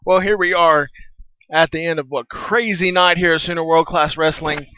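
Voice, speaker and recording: A man calling independent wrestling matches for an online radio webcast, shouting the action and then chatting through the wrap-up with his voice nearly worn out. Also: a little high, moderate pace, clean tone, muffled recording. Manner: excited shouting calls, then rambling wrap-up talk. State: losing his voice from screaming. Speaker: wrestling play-by-play announcer.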